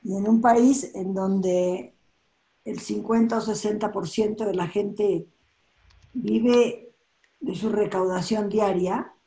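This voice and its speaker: Older woman, mellow and breathy, reflective. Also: medium pitch, poor audio. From Argentina. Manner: thoughtful, reflective, with frequent pauses and fillers. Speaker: coaching expert guest. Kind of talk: webinar conversation. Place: home office indoors. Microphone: laptop webcam on a video call.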